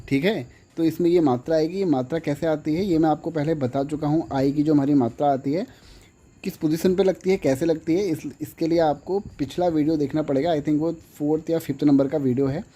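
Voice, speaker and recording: Man, patient tutor, slightly higher pitch, soft dark timbre, stretches words while he writes. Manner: slow, drawn-out repetition of words while writing; asks the viewer questions, then answers them. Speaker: stenography teacher. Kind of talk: classroom-style lesson.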